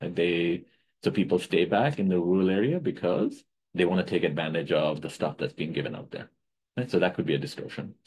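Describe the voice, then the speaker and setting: Speaking briskly in a husky, low, darkish voice, this middle-aged man from Bangladesh lectures on economics over a video call. He talks casually, with many "right?" checks and self-corrections, and the audio is poor.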